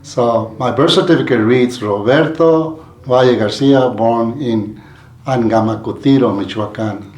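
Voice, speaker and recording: A Mexican man, a community leader appearing as an interview guest, tells his life story in a rambling way, full of restarts and fillers. His voice is medium-pitched and a little mellow, and the recording has a roomy, echoey sound.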